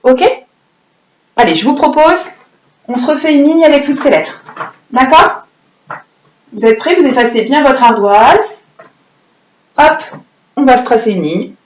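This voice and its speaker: A woman teaching young children to write letters, patient and encouraging, dictating slowly and adding playful sound effects. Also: sits high, animated, a little mellow. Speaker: primary school teacher. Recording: roomy echoey room.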